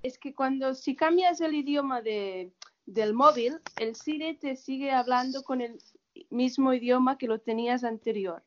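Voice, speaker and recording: Casting: woman, fairly high voice, tentative polite asker, lo-fi call audio. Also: normal speed. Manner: tentative, polite questioning with restarts. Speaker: participant asking a question. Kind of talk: casual group video call. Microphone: video call. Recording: dull lo-fi video call audio.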